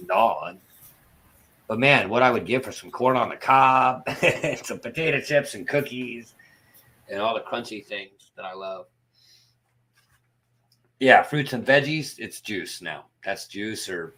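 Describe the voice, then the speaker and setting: A low-pitched male voice in casual livestream conversation. He lisps and whistles on his sibilants because his front teeth are missing. His delivery is that of a self-deprecating storyteller. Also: pushed and bright. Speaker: livestream participant and former broadcaster.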